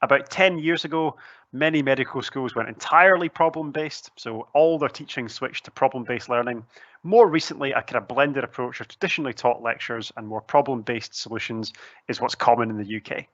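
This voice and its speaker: Young male presenter, broad Scottish accent, conversational and articulate, bright tone, dry close headset sound. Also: medium pitch, a little fast, no echo, muffled recording. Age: young adult. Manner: chatty, articulate, lightly humorous. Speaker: student recruitment officer giving a presentation. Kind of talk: conversational pre-recorded presentation. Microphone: headset, seen on webcam.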